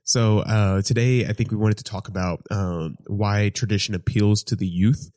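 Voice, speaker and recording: A man's voice: on the low side, fairly even intonation, normal speed, a little mellow, no echo, clean studio sound. A man in his early twenties co-hosting a casual podcast, hesitant and laughing, full of fillers. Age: 20s. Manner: hesitant, laughing, lots of likes and ums. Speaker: podcast co-host. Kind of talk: casual chat.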